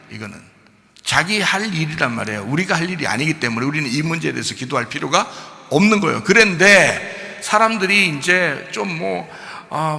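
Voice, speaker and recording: A man's voice: on the high side, gravelly, sharp tone, long reverb tail. A man preaching a sermon as pastor, talking in a conversational way and asking his listeners rhetorical questions. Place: church.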